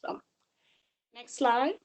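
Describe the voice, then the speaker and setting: A woman in her twenties from Georgia, US, delivers a webinar presentation over slides, earnest and peppered with ums. She speaks extremely slowly, and the rough recording carries a little hiss or hum.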